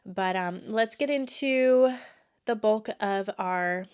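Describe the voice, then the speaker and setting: Congested from allergies, this podcast host from Texas, a woman in her thirties, chats casually with many fillers and restarts. She takes it slowly, her mid-range voice clear and resonant with a darkish tone.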